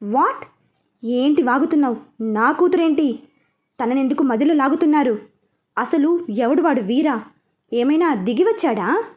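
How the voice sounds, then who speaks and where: A woman's voice: high-pitched, normal speed, lightly acted. Woman doing an outraged rich businessman. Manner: indignant shouting. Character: angry wealthy middle-aged businessman.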